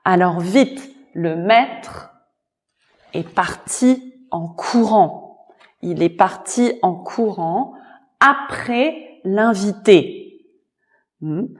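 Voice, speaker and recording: A woman telling a folk tale slowly and expressively for French learners, repeating key words. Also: mid-range voice. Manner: very slow, repetitive, expressive. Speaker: storyteller and language teacher. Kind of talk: slow storytelling for French learners.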